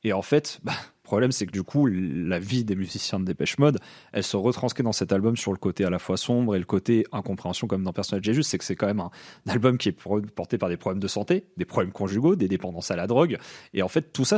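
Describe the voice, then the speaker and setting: A man's voice: lowish voice, lively intonation, fast, a little mellow, slightly rough. A man co-hosting a podcast, talking casually and with enthusiasm, with frequent fillers and restarts. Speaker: podcast co-host. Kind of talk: casual music chat.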